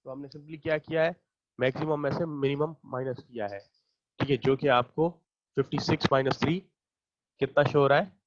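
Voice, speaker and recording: A man's voice: medium pitch, fairly even intonation, moderate pace, dull audio. A man teaching an online math class. He explains each step patiently, counts the items aloud and checks in with his students again and again.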